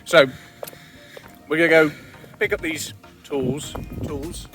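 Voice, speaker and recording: An English man co-hosting a car vlog, talking in a dry, deadpan, sarcastic way. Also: a little high, slow, over music. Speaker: co-host mechanic. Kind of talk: casual banter while filming.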